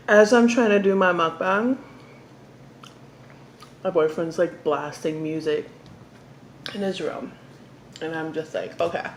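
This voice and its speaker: A young woman casually telling a story to the camera during an eating show, talking while she eats and pausing for bites. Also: on the low side. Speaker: mukbang vlogger. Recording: echoey room with faint background noise.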